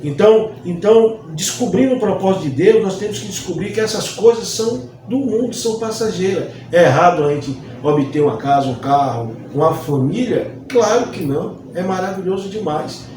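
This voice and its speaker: A man's voice: high-pitched, animated, normal speed, few pauses, warm tone, a little hiss or hum. A man from Bahia, a Baptist pastor, teaching a Bible study lesson earnestly and repeating phrases for emphasis. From Bahia, Brazil. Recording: distant mic, very echoey room.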